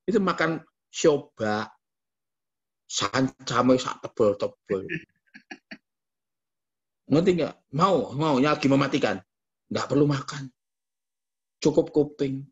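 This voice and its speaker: A man with a Javanese accent preaching a lively sermon as pastor, jumping into mock voices and quoted asides. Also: mid-range voice, a little slow, husky, lo-fi sound.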